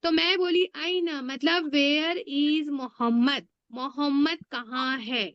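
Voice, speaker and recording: A woman's voice: high-pitched, steady tone, takes it slowly, dry recording, muffled recording. A woman teaching Arabic grammar in an online class, patiently drilling words and asking her students questions. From India. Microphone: online class audio.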